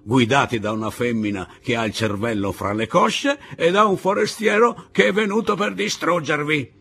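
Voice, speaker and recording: A man voicing a drunken, bitter male guerrilla who taunts loudly, in an audiobook reading. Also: on the high side, moderate pace, creaky, slightly rough, pitched above the performer's own voice, exaggerated voice. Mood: mocking. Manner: mocking, taunting, raised and loud.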